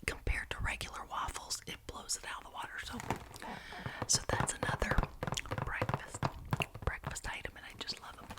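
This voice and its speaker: A woman whispering breathily in an ASMR ramble, enthusiastic and chatty, gently repeating phrases for emphasis. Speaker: ASMR video creator.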